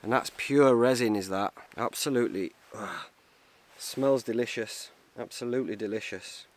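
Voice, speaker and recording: A man's voice: medium pitch, normal speed. A man in his thirties giving a casual, understated running commentary for an outdoor vlog, in short clipped remarks while busy with tasks. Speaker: outdoor camping vlogger. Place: outdoors in woodland among ruined brick walls.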